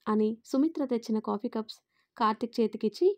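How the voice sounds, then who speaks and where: Woman storyteller, high dry voice. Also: fairly quick, no echo. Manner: reads all characters in her own voice, lifting louder for quoted lines. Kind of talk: scripted narration with character dialogue.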